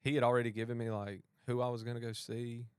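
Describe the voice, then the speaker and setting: This podcast host, a police officer, shares a personal story in relaxed conversation and acts out the dialogue from both sides with animation. His medium-pitched voice is clear and resonant, moving at a quick pace, recorded at studio quality with no echo.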